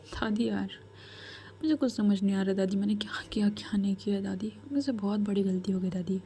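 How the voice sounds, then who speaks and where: A proud young woman of twenty-two, hushed and tearful, pleading in half-whispered lines, as a woman reads her in a story. The voice is mellow and low-key. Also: fairly even intonation, a little fast, lightly acted. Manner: pleading, hushed, repeating "dadi".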